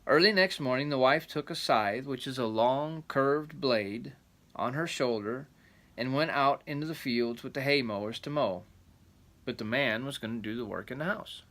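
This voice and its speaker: A man's voice: mid-range voice, normal speed, a bit bright. An older man reading a folk tale aloud like a rambling grandpa, adding folksy asides and plain explanations. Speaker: storyteller.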